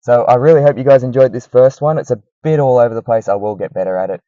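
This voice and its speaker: A man's voice: mid-range voice, fast talker, dark tone, no echo. Man on a cheap, dull-sounding mic. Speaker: running coach hosting a talk. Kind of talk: casual advice talk to listeners. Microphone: cheap microphone, close and dry.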